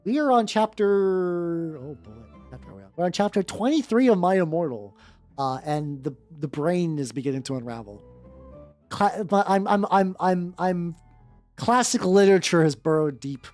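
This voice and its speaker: This vtuber streamer speaks in a lowish, slightly mellow voice at a moderate pace. She alternates casual livestream talk with reading fan fiction aloud, often stumbling, repeating words and pausing to comment while music plays behind her.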